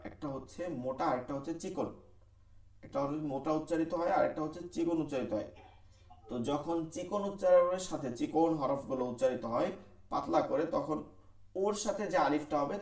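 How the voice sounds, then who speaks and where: A man teaching an online Quran recitation class, repeating each term slowly and leading the class to recite along. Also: on the high side, a little mellow, reverberant, far from the mic. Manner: repetitive, drills terms, has class recite along. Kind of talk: online tajweed lesson.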